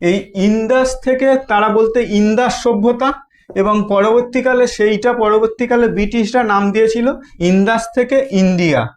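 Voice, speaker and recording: High-voiced man teaching, repeating himself. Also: steady tone. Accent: Bengali. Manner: asks questions and answers them himself, repeats words often; halting, restarts phrases. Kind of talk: classroom history lesson.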